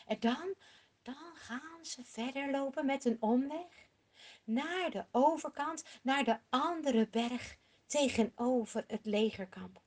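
Slow, dramatic woman storyteller. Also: high-pitched, darkish tone. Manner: slow, dramatic, drops to whispers for suspense. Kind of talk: telling a Bible story to children.

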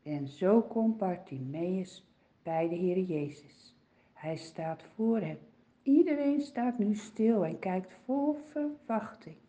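A woman tells a Bible story to children, slow and expressive, her pitch swooping up and down. Her tone is mellow and somewhat high. The recording sounds dull and lo-fi.

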